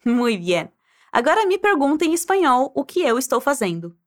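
Woman, Spanish teacher, high animated voice, encouraging drill style. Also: normal speed. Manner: encouraging, prompts listener to repeat aloud. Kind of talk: guided pronunciation drill.

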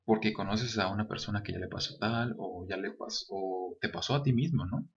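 A man's voice: lowish voice, a little fast. A young man with a Mexican accent, earnestly telling a personal anecdote straight to his viewers. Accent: Mexican Spanish. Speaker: vlogger. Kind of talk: casual storytelling to camera. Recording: dull lo-fi sound.

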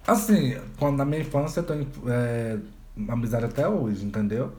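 A man co-hosting a casual podcast, an animated storyteller who laughs often. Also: mid-range voice, normal speed. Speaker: podcast co-host. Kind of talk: casual chat. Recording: echoey room, faint noise.

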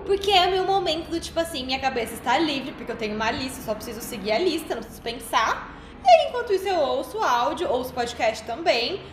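A Brazilian woman chats with her friends, easygoing and self-questioning. Her voice is a little high. The home room adds clear echo and a faint hiss. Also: animated, quick pace. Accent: Brazilian Portuguese. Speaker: podcast co-host. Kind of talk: casual chat among friends.

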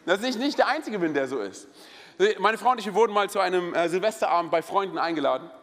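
A man in his thirties preaching a sermon in a church, energetic and joking, telling personal stories with many interjections. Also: high voice, quick pace. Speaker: pastor. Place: church hall. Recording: long hall reverb.

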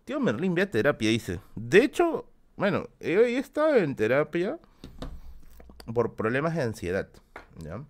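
A man's voice: on the high side, wildly swooping pitch, moderate pace. Peruvian man in his twenties or thirties, livestream host, talkative and self-mocking, voice leaps up and down a lot. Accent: Peruvian Spanish. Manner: chatty and self-deprecating, reads out donations and comments. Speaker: streamer. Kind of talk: casual late-night livestream chat.

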